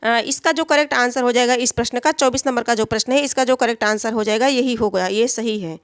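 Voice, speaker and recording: A woman's voice: on the high side, brisk, clear, resonant tone, dry recording, studio quality. A woman teaching a Hindi spelling exam lesson, who repeats each answer and asks and answers her own questions.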